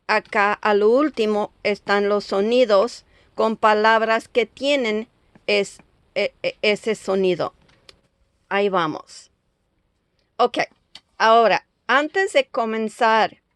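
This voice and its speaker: A woman teaching English letter sounds, repeating each sound slowly several times and giving the word's meaning. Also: mid-range voice, clear, resonant tone, no room sound, studio quality. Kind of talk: slow step-by-step lesson with sound drills.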